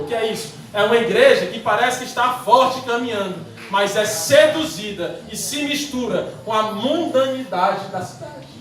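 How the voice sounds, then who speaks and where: A pastor preaching a sermon in an emphatic, repetitive rhetorical style, in a church sanctuary. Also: male voice, very high voice. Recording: very echoey church hall from far off, faint noise.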